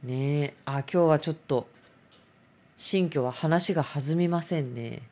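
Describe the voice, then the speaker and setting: A woman's voice: sits low, measured pace, mellow. A middle-aged woman hosts a casual solo talk show, rambling and self-mocking.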